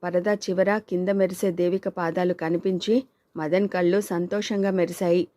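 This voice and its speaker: In a fairly low, mellow voice with flat delivery and a moderate pace, a woman narrates a family story as an audiobook. She reads every character, male and female, in her own voice, and the studio-quality recording has no room sound.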